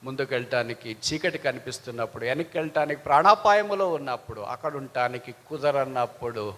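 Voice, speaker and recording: A male preacher delivering a dramatic sermon, swinging from hushed lows to loud pleading highs, with strings of repeated rhetorical questions. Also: animated, fast talker, big-room sound.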